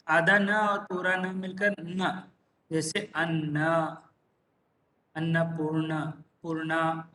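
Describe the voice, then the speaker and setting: A man teacher slowly explaining a lesson, patiently repeating examples one word at a time. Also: fairly high pitch, pushed and bright. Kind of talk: slow classroom explanation. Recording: echoey room.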